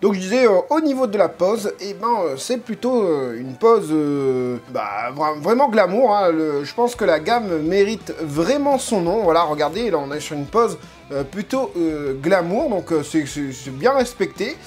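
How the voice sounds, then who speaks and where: A man's voice: high-pitched, big pitch swings, moderate pace. Joking, hesitant man unboxing a figurine. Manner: joking, rambling, lots of hesitation fillers. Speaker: unboxing video host. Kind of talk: casual unboxing commentary. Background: faint background music.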